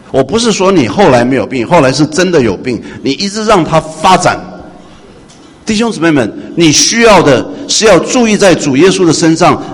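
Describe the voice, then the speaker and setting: A male pastor preaching a sermon, swinging from hushed to loud and questioning his congregation. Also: fairly high pitch, breathy edge. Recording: echoey hall with faint noise.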